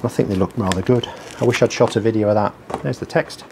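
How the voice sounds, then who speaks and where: A low-ish male voice, fast and fairly even in intonation, comes through background noise. The speaker, a small business owner blogging his work, rambles casually in a workshop vlog with dry, self-deprecating humour while at his bench. His mic sits on the bench below him as a heater runs.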